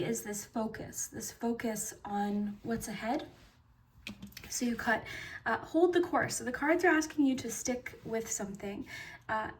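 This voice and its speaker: A woman's voice: a little high, distant mic. A woman doing a pick-a-card tarot reading, chatty, full of fillers and restarts, and losing her voice. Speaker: tarot reader.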